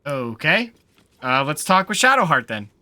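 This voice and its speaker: A man's voice: a little high, sing-song, moderate pace, sharp tone, dry recording. A man doing casual gameplay commentary, reading dialogue choices aloud as he plays. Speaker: video game streamer playing through a game.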